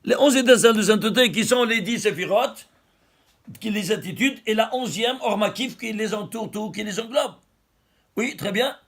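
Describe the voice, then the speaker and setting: A man's voice: high voice, moderate pace, a bit bright. A man, a rabbi, giving a Torah lesson, emphatic and marveling aloud, asking rhetorical questions and answering them himself.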